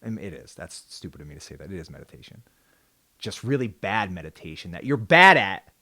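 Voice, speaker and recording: A podcast host with a very low, deep, sing-song voice delivers a casual solo monologue at a fairly quick clip. He rambles and mocks himself, occasionally erupting into sudden loud, jokey bursts. The recording is close and dry, with no room sound.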